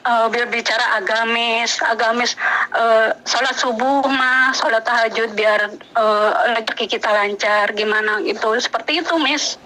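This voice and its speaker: A woman's voice: fairly high pitch, steady tone, a little slow, sharp tone, low-quality recording. A woman in her thirties answering interview questions, hesitant, with many fillers, often agreeing. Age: 30s. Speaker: guest.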